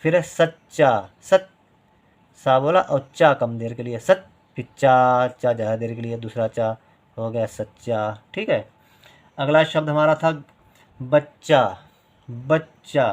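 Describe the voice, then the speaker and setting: A man guides a writing lesson at an unhurried pace. He repeats each syllable and draws vowels out to show their length. His voice sits at an ordinary middle pitch. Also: darkish tone. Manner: slow, patient, repeats syllables and stretches sounds to show length. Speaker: Hindi writing teacher. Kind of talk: step-by-step spoken lesson.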